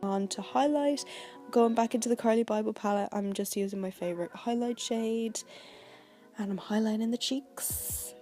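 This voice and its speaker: A woman's voice: a little high, moderate pace, warm tone, soft background music. A woman beauty vlogger narrating a tutorial in a casual, chatty, informal way.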